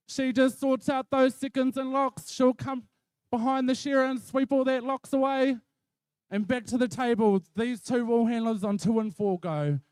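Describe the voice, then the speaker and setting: A man's voice: very high-pitched, clean tone, dry recording. A man with a Maori New Zealand accent giving colloquial live competition commentary, full of repeated catchphrases.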